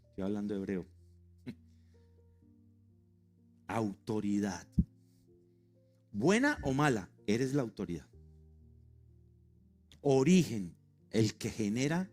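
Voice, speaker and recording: Animated man preaching a sermon. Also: medium pitch. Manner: animated and emphatic, spells out words, jokes with the congregation. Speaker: pastor. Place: church sanctuary.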